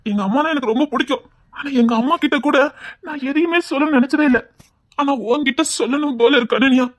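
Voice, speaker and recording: An actor with a Tirunelveli Tamil accent plays a scheming young man in a melodramatic skit, speaking fast in a very high voice. He wheedles softly and fakes tears, then turns mocking, and later becomes cold and harsh.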